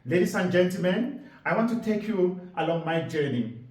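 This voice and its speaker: A man gives an earnest presentation as an environmental activist, telling his story with deliberate emphasis. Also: high-pitched, animated, a little mellow. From Cameroon. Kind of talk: public presentation talk. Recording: roomy sound from a distance.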